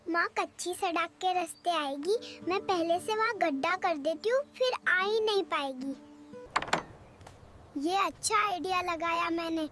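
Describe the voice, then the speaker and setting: Woman voicing a very high, brash scheming young wife for a cartoon drama. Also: noisy background. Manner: brash, quarrelsome. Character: sharp-tongued young wife, scheming against her mother-in-law.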